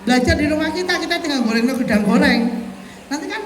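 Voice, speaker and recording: A woman giving a lively, joking parenting seminar, acting out mothers and children as she goes. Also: high voice, fast talker, slight background noise. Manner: animated, jokey, acts out mothers and children. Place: large lecture hall. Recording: echoey hall.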